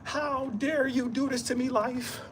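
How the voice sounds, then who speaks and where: A man's voice: extremely high pitch, little pitch movement, unhurried, fairly bright tone, slight background noise. A man giving a rambling motivational monologue in streetwise slang, repeating himself often and laughing into his words. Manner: repetitive, emphatic, streetwise slang. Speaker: vlogger.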